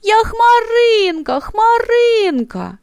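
A mischievous little cloud girl from a children's storybook, voiced by a woman. She taunts in a high, sing-song voice that leaps up and down. The recording is dry and close. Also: very animated, slow pace, darkish tone, dry recording. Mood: tearful.

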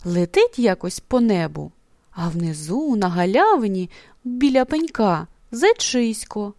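A woman reading a children's story aloud in an expressive manner, often dropping into soft, hushed passages. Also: medium pitch, a little slow, no room sound, clean studio sound.

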